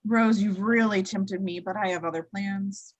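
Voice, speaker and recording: A woman reading a dry, sardonic schoolteacher with a husky voice in an amateur sitcom table read. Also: mid-range voice, normal speed, lo-fi sound, close to an everyday voice. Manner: dry, deadpan.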